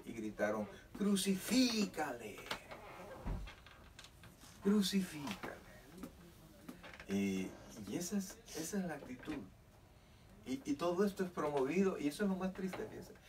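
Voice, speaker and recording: A man's voice: high voice, a bit bright. Fervent preaching man, distant mic. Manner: fervent preaching with rising emphatic peaks. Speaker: pastor. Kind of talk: sermon. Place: church. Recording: distant mic with faint noise.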